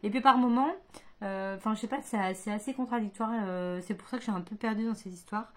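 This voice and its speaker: Book vlogger, woman, mid-range voice, rambling and halting, chatty home recording. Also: mid-range voice, fairly even intonation. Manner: hesitant, many fillers and restarts; chatty, thinking aloud. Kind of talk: casual chat.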